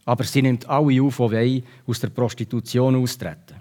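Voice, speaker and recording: A man from Switzerland with a Swiss German accent, preaching a sermon in a conversational, lively way. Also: mid-range voice, brisk.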